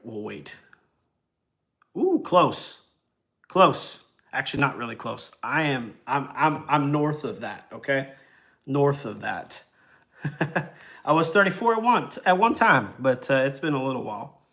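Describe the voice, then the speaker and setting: A man in his forties hosts a travel livestream, chatting casually and rambling with plenty of ums and uhs and the odd chuckle. His medium-pitched voice is expressive, a bit bright and unhurried, with frequent pauses.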